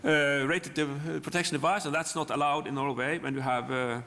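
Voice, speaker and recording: A man with a Norwegian accent presents a technical software demo in English, his second language. His voice is gravelly and slightly high, and he speaks haltingly, repeating words and starting over. Long hall reverb surrounds him. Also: steady tone. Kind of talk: live technical demonstration talk.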